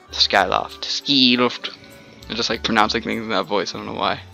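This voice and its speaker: A man's voice: on the low side, fairly even intonation, fast, creaky, bright, forceful tone, faint music behind, low-quality recording. A man from the American South giving rambling, joking commentary while playing a video game. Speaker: let's player. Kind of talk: casual gameplay commentary.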